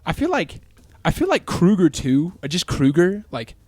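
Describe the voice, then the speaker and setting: A man's voice: sits high, big pitch swings, moderate pace, darkish tone, dry recording. Rambling man in a dry close recording. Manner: rambling, with many restarts and filler words. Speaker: co-host. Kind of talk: casual gaming lore chat.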